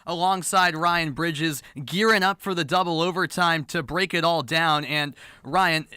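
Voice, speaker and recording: Bright, high-voiced male sports radio host. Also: a little slow, clean tone, no echo, clean studio sound. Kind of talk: post-game sports talk hosting.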